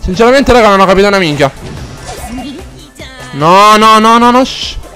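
High-voiced, foul-mouthed gaming streamer guy. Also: lively intonation, normal speed, soft background music. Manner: rambling and profane, chatting to viewers; loud, exaggerated outbursts while playing. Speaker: game streamer. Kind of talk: casual live-stream chatter.

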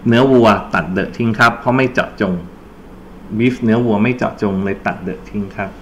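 A man's voice: medium pitch, fairly even intonation, moderate pace, slight background noise. A man teaching an English grammar lesson for exam preparation, explaining step by step and quizzing his students with prompts. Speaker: English tutor.

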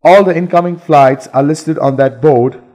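A man's voice: a little high, mellow. Man reading lesson dialogue, echoing. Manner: plain, measured reading of set phrases. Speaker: dialogue reader in an English lesson.

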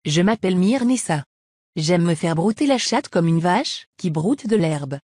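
A woman's voice: on the low side, expressive, a little slow, a little mellow, no room sound, clean studio sound. A woman playing a brazen, lewd young woman. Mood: shameless. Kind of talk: comic machinima voice acting.

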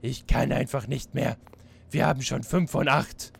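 A man's voice: medium pitch, steady tone, unhurried, creaky, slight background noise. A man commenting as he plays a horror game, joking, swearing and panicking, sometimes reading notes aloud in a mocking tone. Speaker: gamer playing a horror game. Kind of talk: let's play commentary. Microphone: desk mic with facecam.

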